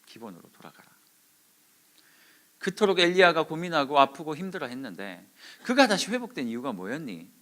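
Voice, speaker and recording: A man preaching a sermon to young adults, dramatic and acting out quoted voices, swinging from hushed to loud. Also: fairly high pitch. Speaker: youth pastor.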